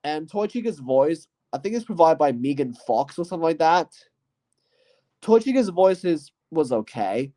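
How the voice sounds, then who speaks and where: Rambling man with a mellow, higher voice. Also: big pitch swings, normal speed. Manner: rambling and hesitant, full of "you know" and "I guess". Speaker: channel host. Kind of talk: casual solo year-in-review talk.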